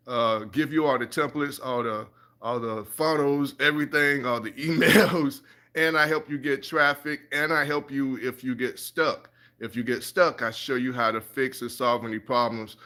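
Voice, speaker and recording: A man's voice: mid-range voice, sharp tone. A man coaching viewers in a casual live stream, encouraging and repetitive, often checking in with his audience. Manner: encouraging, repeats "all right" and "you guys". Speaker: passive income coach.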